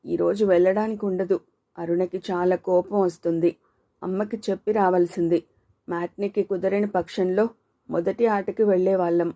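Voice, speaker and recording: A woman's voice: lowish voice, fairly even intonation, moderate pace, warm tone, close to an everyday voice. Woman reading as a guarded young woman. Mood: uneasy. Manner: hesitant, guarded replies. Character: reserved, anxious young woman.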